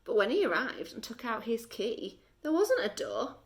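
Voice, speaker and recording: A fairly high-pitched woman reads aloud from a children's story like a teacher. She takes her time, stays expressive, and lets dramatic pauses build the tension.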